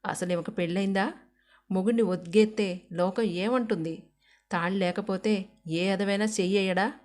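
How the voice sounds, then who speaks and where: A woman's voice: mid-range voice, steady tone, normal speed, darkish tone, close to an everyday voice. A woman voicing an outspoken village wife who talks in blunt, rustic speech and scolds freely. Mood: indignant.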